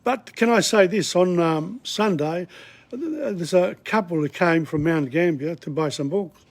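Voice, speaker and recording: In Australia, a man gives an informal language lesson, rambling and digressing in a chatty, casual manner. He has a high voice and speaks at a measured pace.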